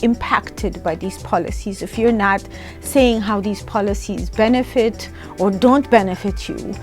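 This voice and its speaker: A woman from Ethiopia speaks with conviction, pressing her points and checking in with the listener as she goes. Her pitch is mid, and quiet music plays faintly under her voice. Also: unhurried. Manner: emphatic, often adds tag questions. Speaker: programs director. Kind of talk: interview-style testimonial.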